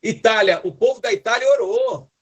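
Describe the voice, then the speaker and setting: An older man with a São Paulo accent preaches to a scattered congregation over a video call. His voice sits a little high for a man, and he exhorts earnestly, often checking in with his listeners. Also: normal speed. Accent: São Paulo Portuguese. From São Paulo, Brazil. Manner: earnest, exhorting, frequent tag questions. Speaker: apostle, guest preacher. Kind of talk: online church preaching.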